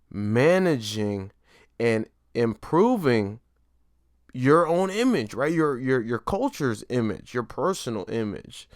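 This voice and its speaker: A New York man hosts a solo motivational podcast, his mid-range voice captured dry and clean in a studio. He talks casually yet emphatically, leaning hard on key words and often checking in with "right?" and "you know what I mean?"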